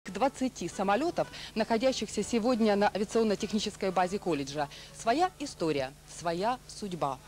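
A young woman reads scripted documentary narration in a polished way. Her mid-pitched voice moves up and down with lively expression, as a TV presenter does. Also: fairly quick, slight background noise.

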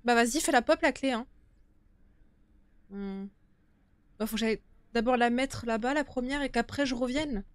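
A young woman with a slightly high voice comments live as she plays a horror game. She talks casually to her viewers, in informal language with some swearing. She speaks into a close microphone in a small room. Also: moderate pace, long pauses, clear, resonant tone, no room sound. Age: young adult. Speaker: game streamer. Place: small indoor streaming room. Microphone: close desktop streaming microphone.

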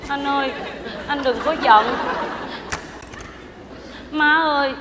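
An actress playing a chatty, pleading young wife in a live stage comedy. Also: female voice, high-pitched. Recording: live stage with loud audience noise.

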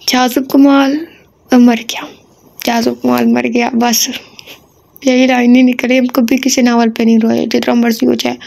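A woman's voice: on the high side, little pitch movement, normal speed, vocal fry, a little mellow. A woman reading an audio novel aloud, breaking off now and then for chatty asides to her listeners.

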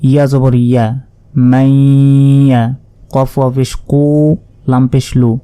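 Man, Quran reading teacher, spells letters and vowel marks, flat even voice, smooth and resonant. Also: medium pitch. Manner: spells out each letter and vowel mark, then joins them slowly; slow, drawn-out recitation of joined words. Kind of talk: word-by-word Quran reading lesson.

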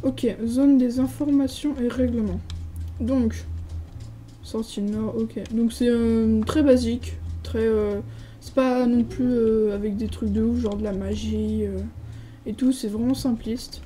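Mellow-voiced French woman touring a game server. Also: fairly high pitch, steady tone, a little slow, poor audio. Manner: hesitant, many filler sounds, reads signs aloud. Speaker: gaming video creator. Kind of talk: casual game server tour commentary.

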